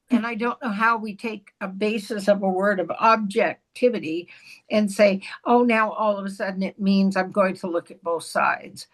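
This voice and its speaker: A woman's voice: medium pitch, fairly bright tone, poor audio. A woman commission member thinking aloud during a meeting discussion, hesitant and searching for words.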